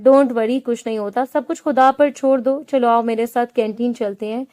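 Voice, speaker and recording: A woman's voice: fairly high pitch, fairly even intonation, warm tone, natural voice. A woman reading the part of a breezy, reassuring young best friend in a spoken novel.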